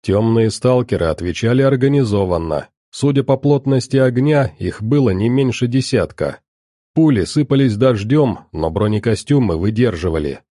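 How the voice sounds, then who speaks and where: A man giving steady scripted audiobook narration of an action story. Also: medium pitch, normal speed, no echo, studio quality.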